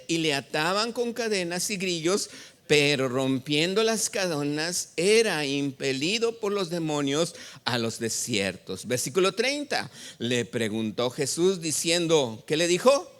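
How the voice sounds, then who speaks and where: Man, pastor preaching, slow deliberate delivery, quizzes the congregation. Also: fairly high pitch. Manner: call-and-response questions to the congregation; reads scripture aloud and expounds it. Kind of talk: sermon. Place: church sanctuary.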